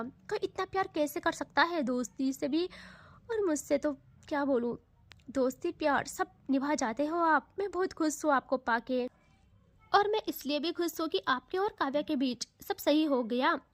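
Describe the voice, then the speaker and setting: A woman's voice: sits high, normal speed, no room sound, lightly acted. A woman voicing a tender, grateful young woman speaking to her partner in an audio love story.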